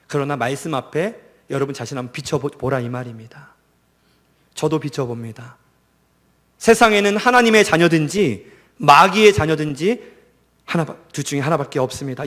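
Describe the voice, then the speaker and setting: A male pastor preaching a sermon, asking the listeners questions and answering them himself, his voice rising for emphasis and dropping almost to a hush. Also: a little high. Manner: earnest preaching with rhetorical questions, rising and dropping to near silence; reads scripture aloud in a raised voice.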